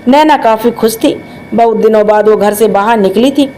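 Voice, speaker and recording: A woman storyteller reading a family drama aloud in a steady, dramatic way, in a storybook narration style. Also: on the high side, moderate pace, slight background noise.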